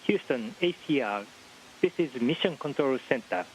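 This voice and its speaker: Male mission control caller on a space-to-ground radio loop, terse protocol, mid pitch, light hiss. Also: animated, normal speed, low-quality recording. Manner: clipped radio call protocol. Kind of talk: formal radio call.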